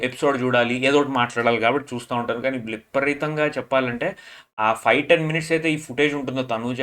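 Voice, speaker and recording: Guy with kinda high voice doing a chatty reality show review from home, animated, throws in english bits. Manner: animated, acts out quotes, mixes English phrases. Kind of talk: casual commentary review. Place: indoor room at home, tall chairs behind.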